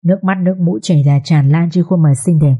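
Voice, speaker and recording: A woman narrating an audio drama story in a steady, expressive storytelling manner. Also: on the low side, fast, husky, lo-fi sound.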